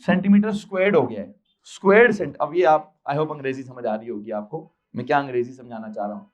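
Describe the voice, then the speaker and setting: A man's voice: mid-range voice, fast talker. A male physics teacher with a Pakistani Urdu accent, lecturing a class and quizzing the students with repeated questions.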